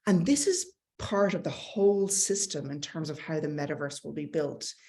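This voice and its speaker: A middle-aged Irish woman speaking for a tech company gives a conversational, enthusiastic slide talk with light self-deprecating asides, in an Irish accent. Her voice is low-pitched and mellow, at a normal speed.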